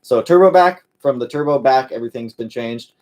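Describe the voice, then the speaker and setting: A car channel's host runs a casual live-stream Q&A in a relaxed manner. His mid-range voice is brisk and slightly mellow, he uses many fillers, and he calls viewers "my man".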